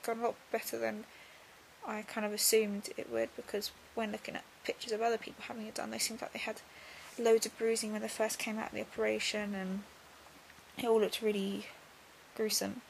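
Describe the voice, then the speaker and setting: Creaky-voiced young woman, subdued after surgery. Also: mid-range voice, flat delivery, brisk, slight background noise, poor audio. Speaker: vlogger. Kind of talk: casual video diary.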